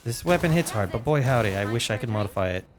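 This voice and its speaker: A man's voice: medium pitch, lively intonation, quick pace, slight background noise. A man doing casual gameplay commentary as a streamer, playful and theatrical, talking to himself and to his audience. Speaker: gaming streamer.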